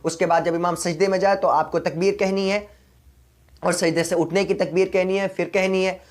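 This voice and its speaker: A man with a fairly high voice for his sex and an Urdu accent teaches the rules of prayer behind an imam. He goes step by step, patient and methodical, and repeats the key points so they stick. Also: little pitch movement. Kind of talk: religious instruction.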